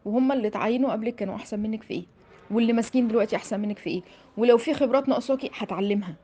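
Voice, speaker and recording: A woman career coach with an Egyptian accent giving animated, emphatic motivational advice, filling pauses with repeated "aah". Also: a little high. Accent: Egyptian Arabic.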